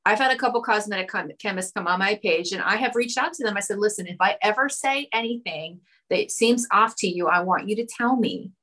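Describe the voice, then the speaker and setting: Woman on a podcast, chatty, talks things through out loud. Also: medium pitch. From New Jersey. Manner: chatty, quick to agree, self-correcting. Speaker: podcast guest, hair educator. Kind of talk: casual podcast chat.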